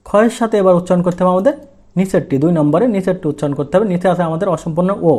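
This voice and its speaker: A man with a high voice teaches a language lesson. He explains each step slowly and in order. He often asks a question and then answers it himself. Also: dark tone.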